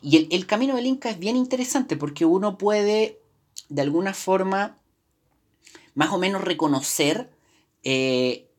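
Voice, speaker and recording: Her mid-range, slightly mellow voice has lively intonation, a somewhat slow pace and long pauses. She is a history teacher with a Chilean Spanish accent, giving a live indoor lesson from slides with plenty of fillers and restarts.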